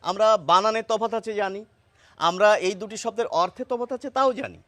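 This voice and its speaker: A man's voice: high voice, moderate pace, a bit bright. A man giving a short pronunciation lesson, explaining step by step and repeating example words with care. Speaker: language teacher.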